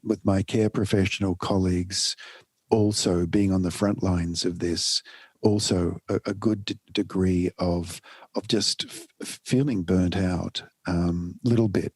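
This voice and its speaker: This middle-aged US family counselor answers podcast questions reflectively, full of pauses and fresh starts. His deep voice is a little mellow and slightly rough, with no room sound.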